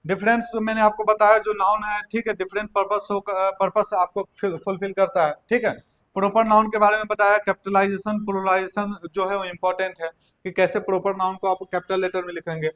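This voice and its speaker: High-voiced male teacher. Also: little pitch movement, a little fast, fairly bright tone. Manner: repeats key points, checks in with "theek hai". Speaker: English teacher. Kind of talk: classroom lecture.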